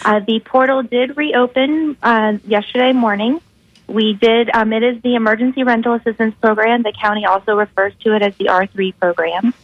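A woman calling in over the phone to a radio show, a county social services manager explaining a program in a clear, businesslike way. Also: fairly high pitch, steady tone, moderate pace, no echo. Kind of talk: caller explaining a program on air. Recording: dull lo-fi phone line, dry.

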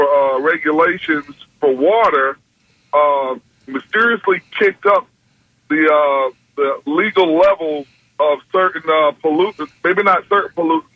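A man's voice: a little high, dry recording. Man calling into a radio show by phone. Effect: heard through a phone line on a radio call-in. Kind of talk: call-in comment. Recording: dull, dry phone line.

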